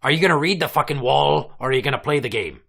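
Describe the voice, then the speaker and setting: A man playing a gruff, foul-mouthed old salty pirate captain who hosts a comedy show and teases his guest in a crude, bossy way. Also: a little high, lively intonation, quick pace, pushed and bright, heavily acted. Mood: exasperated. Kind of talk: mock interview with a child guest.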